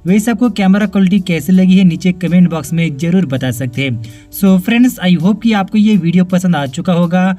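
High-voiced man reviewing a phone. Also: moderate pace, dark tone, soft background music. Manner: chatty Hinglish, mixing English words into Hindi; keeps addressing viewers as friends. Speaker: tech reviewer. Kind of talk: product review voice-over.

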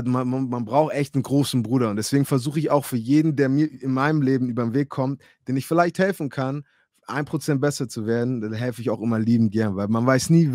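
A man's voice: medium pitch, darkish tone, dry recording, studio quality. A man in his thirties, a livestream host, casually telling personal stories to his chat, acting out quoted dialogue and laughing often. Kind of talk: casual storytelling to a live chat.

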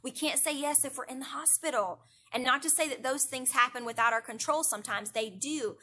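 A woman leads an online church devotional with a bright, fairly high voice. She talks earnestly and stacks repeated phrases for emphasis, building toward prayer. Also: brisk, slightly rough. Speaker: youth director. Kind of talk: devotional talk. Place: indoors, online church broadcast.

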